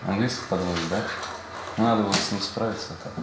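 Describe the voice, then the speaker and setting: A Portuguese-born man with a fairly low voice, a former student visiting a school classroom, chats casually with the children, talking fast. He explains patiently and keeps turning questions back to them in this relaxed, unscripted talk. The room is echoey with plenty of background noise.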